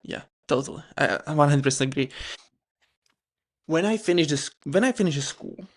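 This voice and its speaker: A man with a Czech accent hosts a casual interview, his voice sitting fairly high for a man. He talks in halting bursts, restarting sentences and leaning on fillers as he works toward his questions. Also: lively intonation. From Czech Republic. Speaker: podcast host.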